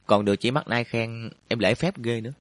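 A man's voice: medium pitch, a little fast, no echo, close to an everyday voice. A man voicing a brash, scheming teenage schoolboy who talks bluntly. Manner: blunt, offhand slangy talk.

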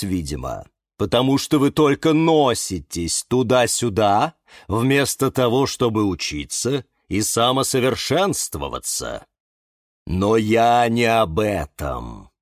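A man doing a slow, wise bonsai tree. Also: mid-range voice, no echo, studio quality, exaggerated voice. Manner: slow, thoughtful, lecturing.

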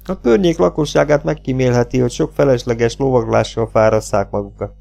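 A man voicing a calm, unbothered young Mexican male outlaw in an audiobook, with a gravelly voice. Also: mid-range voice, faint music behind, close to an everyday voice. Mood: calm, flat.

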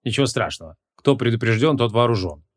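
A man's voice: mid-range voice, expressive, fast, lightly acted. A man reading the part of a stern, short-tempered male archmage in an audiobook, with commanding, curt questions.

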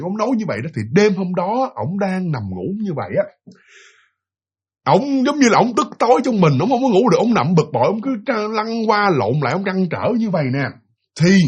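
Fast, husky man telling a ghost story. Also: high voice. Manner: excited, repetitive, acts out the characters' lines. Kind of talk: spoken ghost story narration.

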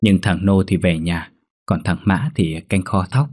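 A man's voice: low voice, a little slow, a little mellow, husky. A man voicing a fearful, deferential older steward who speaks hesitantly and humbly.

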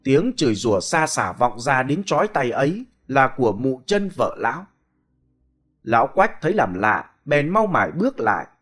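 A man reading a ghost story aloud in a dramatic, expressive way. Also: medium pitch, normal speed. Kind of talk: scripted storytelling.

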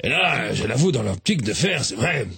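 A man's voice: mid-range voice, sing-song, fairly quick, vocal fry, bright, forceful tone, breathy edge. A man doing a comic monologue on the radio, theatrical and full of swooning sighs. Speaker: radio comedian. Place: radio studio.

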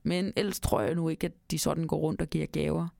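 A woman voicing a kindly old grandfather in a storybook reading, calmly telling tall tales to his grandson. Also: deep voice, vocal fry, dry recording, clean studio sound. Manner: calm, storytelling, reassuring.

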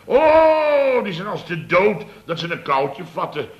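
On a muffled recording, an actor in a Dutch radio comedy uses an exaggerated, high-pitched, very animated voice at a slow pace. He plays a building firm's blustering, exasperated boss, exclaiming and repeating himself as he recounts tales.

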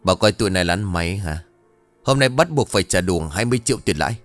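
A man's voice: sits low, expressive, fast, no room sound, soft background music. A man doing a snarling loan-shark thug. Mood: menacing. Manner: menacing, snarling. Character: brutal young male loan-shark thug.

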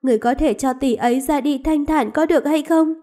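Woman reads a kind young maid, soothing, gentle, high voice. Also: a little fast, lightly acted.

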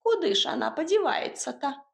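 A woman's voice: sits high, sing-song, normal speed, vocal fry, voice pushed up, full character voice. Woman doing a fussy little house spirit. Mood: fretting. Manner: fussy and reproachful. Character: fussy young male house spirit, reproachful.

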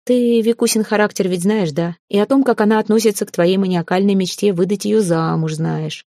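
A woman reading an audiobook, voicing a sly, calm middle-aged father who talks slowly and without hurry. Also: medium pitch, no echo, studio quality, lightly acted.

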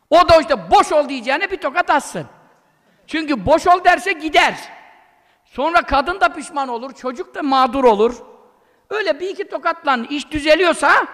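Man, preacher, informal religious talk, emphatic and scolding, very animated pitch, long echoing hall. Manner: emphatic and scolding, with blunt colloquial outbursts.

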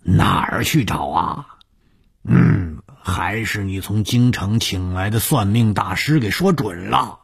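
A man voicing a sly middle-aged henchman who talks in an offhand, chuckling, higher-pitched voice. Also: animated, slow, gravelly, slightly rough, full character voice.

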